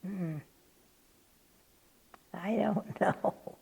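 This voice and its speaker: A woman reminisces in an interview, speaking haltingly with pauses, in a slightly dull recording. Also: mid-range voice, fairly even intonation, vocal fry, mellow, slightly rough. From California, United States. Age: 80s. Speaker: oral history interviewee.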